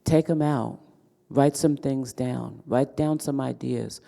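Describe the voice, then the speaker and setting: Male moderator at a summit, mid-pitch voice, coaxing and rallying the audience. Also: fairly even intonation, slow, gravelly, dark tone, in a large hall. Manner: encouraging, pushes the audience to take part. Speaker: event moderator. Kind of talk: addressing a conference room.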